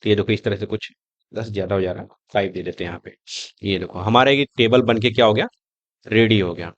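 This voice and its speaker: A man teaching a screen-recorded coding lesson, talking step by step in a relaxed, conversational way as he types and shows results. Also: fairly low pitch, quick pace, no echo, highs cut off. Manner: conversational, explaining step by step while typing. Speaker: coding tutor.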